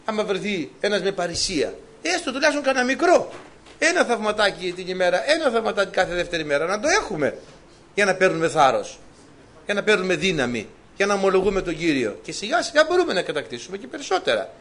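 Greek guy preaching, kinda high voice, really lively up and down, storytelling to the congregation. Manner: lively, animated storytelling, laughs at own stories. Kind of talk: sermon with personal testimony.

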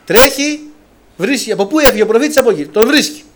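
A man from Greece preaching a sermon, telling a Bible story in an animated way and acting out its dialogue. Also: extremely high pitch.

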